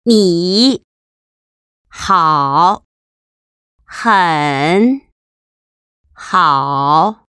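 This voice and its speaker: Woman giving slow, crisp pronunciation drills. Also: fairly low pitch, lively intonation, a bit bright, dry recording, studio quality. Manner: slow, carefully articulated model syllables. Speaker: language teacher.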